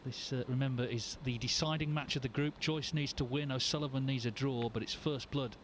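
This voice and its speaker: A man giving measured, understated snooker commentary in a hushed voice. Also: medium pitch, steady tone, slight background noise.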